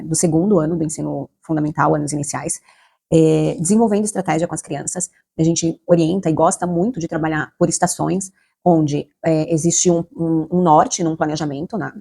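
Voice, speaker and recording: Brief: Brazilian woman educator, lowish husky voice, explanatory, lots of fillers and tag questions. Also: darkish tone. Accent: Brazilian Portuguese. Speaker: literacy educator. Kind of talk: instructional talk to teachers.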